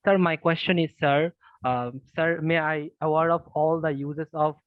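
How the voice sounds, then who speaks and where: A man's voice: a little high, fairly even intonation, moderate pace, no echo. A male student, asking his teacher a question hesitantly and saying sir again and again. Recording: tinny phone-like line.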